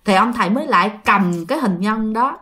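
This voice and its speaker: A woman's voice: mid-range voice, a little fast. A woman telling a ghost story, speaking straight to her listeners and acting out the voices. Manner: animated, addresses listeners directly, acts out voices.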